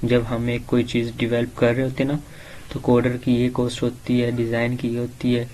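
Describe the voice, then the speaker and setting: A man from Pakistan tutoring an online course, reading English slide lines slowly and then explaining them in casual talk. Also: medium pitch, monotone, dark tone, a little hiss or hum, poor audio.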